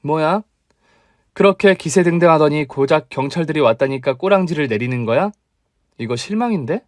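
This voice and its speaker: A man's voice: fairly high pitch, animated, normal speed, dry recording, voice pushed up, close to an everyday voice. Man doing a smug young wife, raised voice, taunting and sneering. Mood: scornful. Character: mocking, triumphant wife, young woman.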